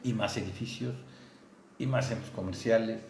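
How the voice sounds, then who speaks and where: A man's voice: lowish voice, steady tone, normal speed, vocal fry, darkish tone, echoey room, a little hiss or hum. Chatty Mexican man hosting. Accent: Mexican Spanish. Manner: chatty, interjects often, repeats words. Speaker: news show host. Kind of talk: casual studio interview.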